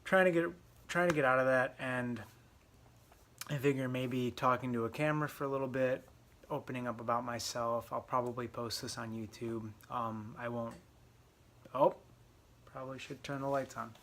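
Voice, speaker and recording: Flat, gravelly young man, hesitant. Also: moderate pace, slight background noise. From Southeast Michigan. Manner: hesitant, many ums, flat and low-key. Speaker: vlogger. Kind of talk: rambling solo monologue to camera. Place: parents' garage, dim.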